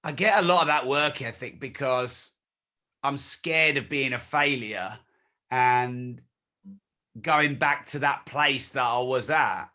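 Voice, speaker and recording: A man's voice: mid-range voice, slow, pushed and bright. A man in his forties, a guest in an interview, talking bluntly and emphatically and swearing freely. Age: 40s. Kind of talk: candid conversational interview.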